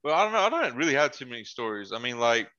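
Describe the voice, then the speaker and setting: Bright-voiced man telling stories. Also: medium pitch, rapid-fire, muffled recording. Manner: animated storyteller, quotes friends in their voices, laughs often. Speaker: former basketball player, guest. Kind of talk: casual podcast chat, storytelling.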